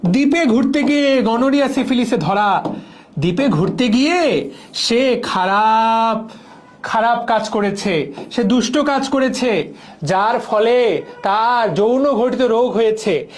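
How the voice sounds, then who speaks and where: A man's voice: extremely high pitch, expressive, slow pace, faint music behind. A young man from Bangladesh teaching a biology exam-prep class, drilling memory tricks through repetition. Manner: playful, drills mnemonics with repetition. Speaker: biology lecturer.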